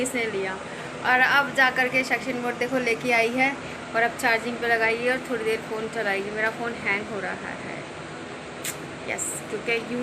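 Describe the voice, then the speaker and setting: A woman vlogging in a casual comedic way, teasing and often laughing as she talks, outdoors. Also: a little high. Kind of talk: casual comedy vlog narration. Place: outdoors, dusty and sunny. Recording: noisy background.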